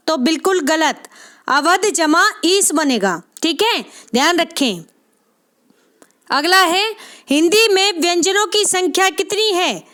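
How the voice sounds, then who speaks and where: Woman, very high-pitched, teacher, exam-prep grammar lesson, repeats key terms slowly, frequent check-ins. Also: pushed and bright. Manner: repeats key terms slowly, asks and answers her own questions; frequent "theek hai" check-ins addressing viewers as friends.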